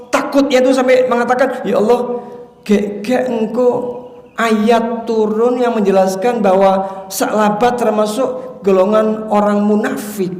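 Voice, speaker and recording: A man with a Javanese accent giving a dawn mosque lecture, telling a story with lively humor and asides to the audience. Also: sits high. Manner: animated storytelling, mixing Javanese and Indonesian, joking with the audience. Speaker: preacher. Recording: echoey hall with long reverb.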